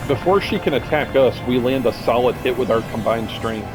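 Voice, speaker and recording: A man's voice: medium pitch, brisk, over music. A young man casually playing a horror game, reading its text aloud and joking with slang between lines. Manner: casual, joking, says "dude" and "bro". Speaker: gameplay streamer.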